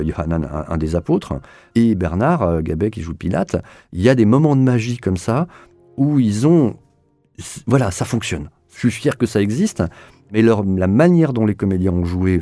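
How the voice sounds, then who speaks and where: A man interviewed as an audio drama director answers spontaneously, earnest and searching, often repeating words while he feels for the next one. His voice is lowish and mellow.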